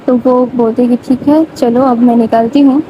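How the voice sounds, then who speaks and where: A woman's voice: a little high, little pitch movement. A young woman retelling a love story in a loose, chatty way, full of casual fillers. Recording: dull lo-fi audio with faint noise.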